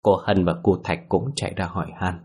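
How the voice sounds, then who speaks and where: A man narrating a ghost story in a slow, hushed, suspenseful manner. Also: low-pitched, level tone, breathy edge.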